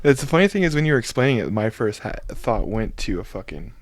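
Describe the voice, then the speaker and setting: A man's voice: on the low side, very animated, fast talker, dry recording. Slangy man chatting, dry close mic. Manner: slangy, profane, says dude and bro. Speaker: podcast participant. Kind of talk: casual chat. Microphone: close podcast microphone.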